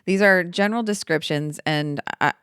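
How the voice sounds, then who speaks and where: A middle-aged woman hosts a casual podcast and narrates stories with a playful, jokey touch. Her voice sits low and has a gravelly fry. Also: moderate pace. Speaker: podcast host. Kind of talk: casual storytelling chat.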